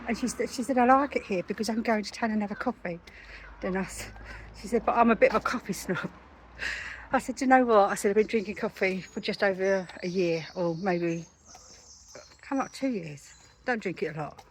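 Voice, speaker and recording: A woman's voice: medium pitch, a little fast, a little hiss or hum. A middle-aged woman, chatting on a street as she retells conversations with her neighbours. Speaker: self-help author. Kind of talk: casual walking vlog. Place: outdoors on a street.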